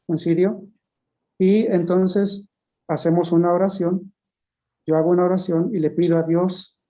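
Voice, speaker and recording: Slow, dark-voiced speaker recounting experiences. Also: mid-range voice. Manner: unhurried, halting, retells dialogues. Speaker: interviewee. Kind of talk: slow storytelling testimony.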